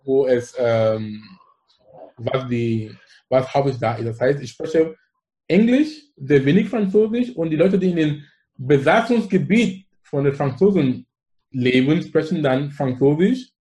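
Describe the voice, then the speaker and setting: The audio is poor, but it carries an expressive, rather high voice with a dark tone, moving a little slowly. The speaker is a Cameroonian man in his forties with a Cameroonian accent, an enthusiastic interview guest who is effusive, emphatic and prone to repetition in casual conversation.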